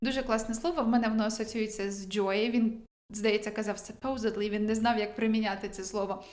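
A young adult woman, a native Ukrainian speaker, teaching English vocabulary in a chatty, self-deprecating way and reading her English examples slowly. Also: mid-range voice, steady tone, darkish tone. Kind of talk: vocabulary lesson.

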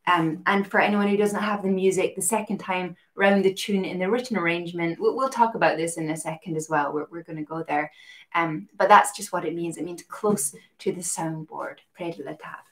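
A woman teaching a live-streamed harp lesson, explaining technique gently and encouragingly, with pauses to greet viewers and answer their comments. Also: lowish voice.

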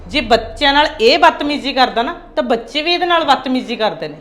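A woman playing a sharp-tongued landlady in a family drama, brisk and scolding. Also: high voice, expressive, a little hiss or hum.

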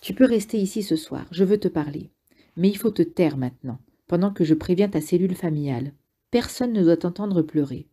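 A weary old man who guides his young successor, speaking firmly and without fuss, voiced by a woman reading an audiobook. His tone is dark and soft, and he keeps it steady. It suits a quiet, heavy scene in a storybook. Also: a little fast, husky. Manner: firm, low-key. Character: weary old male mentor, firm and calm.

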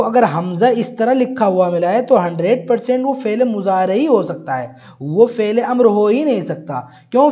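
A man's voice: high voice, warm tone, lo-fi sound. A man teaching an online grammar lesson, patiently explaining and repeating points, often saying "look" and reciting examples.

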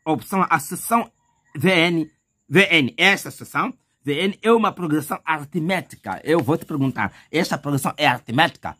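A man's voice: fairly high pitch, expressive, brisk, sharp tone. A male math teacher talking viewers through an exam step by step, chatty and repetitive, calling the listener brother. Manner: chatty, addresses viewer as "meu irmão"; repetitive, thinks aloud with fillers. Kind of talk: math lesson walkthrough.

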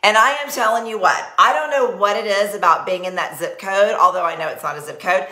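Brisk, bright and forceful, a medium-pitched woman's voice rings out in a reverberant space. She is a bubbly Texan with a Texas accent, chatty and gesturing with her hands as she hosts a live-streamed sales party. She sits in a small decorated home office, recorded through the webcam on her desk.

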